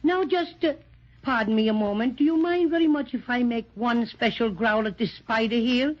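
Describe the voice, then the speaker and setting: A woman's voice: a little high, normal speed, close to an everyday voice. A woman doing a chatty teddy bear. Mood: cheerful, chatty. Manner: chatty, folksy phrasing with throat-clearing and "to be sure". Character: small cheerful male teddy bear, chatty and boastful. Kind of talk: 1930s children's radio drama. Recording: dull 1930s radio transcription.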